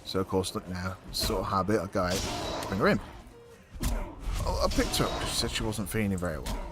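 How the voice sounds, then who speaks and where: A man's voice: low voice, lively intonation, brisk, over music. A man streaming a game, chatting casually in a rambling way, swearing often and filling gaps with ums and likes. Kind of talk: casual chat while playing a game.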